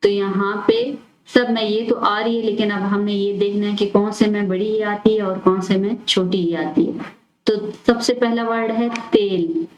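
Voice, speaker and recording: A woman's voice: medium pitch, fairly even intonation, unhurried, darkish tone. Woman teacher spelling words out, echoey. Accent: Pakistani Urdu. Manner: spells words out letter by letter, asks and answers own questions. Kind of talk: explaining a school lesson. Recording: echoey room.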